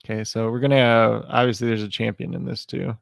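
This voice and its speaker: A man from Illinois co-hosting a fantasy sports show in relaxed, chatty talk that often trails off mid-sentence. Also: lowish voice, fairly quick, creaky, no echo, studio quality. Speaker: fantasy sports podcast co-host. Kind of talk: casual chat.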